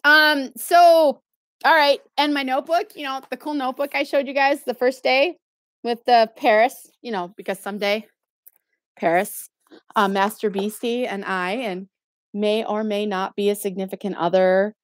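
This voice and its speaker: A woman's voice: on the high side, fairly even intonation, normal speed, dry recording, studio quality. A middle-aged woman chatting casually on a livestream, sassy and snarky, laughing often and filling gaps with lots of ums. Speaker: YouTube live streamer.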